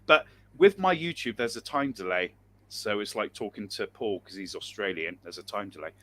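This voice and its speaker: A man's voice: lowish voice, expressive, normal speed, pushed and bright. A man with a West Country accent hosting a casual live-stream chat over a video call, joking, swearing and laughing often. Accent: West Country English. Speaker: stream host.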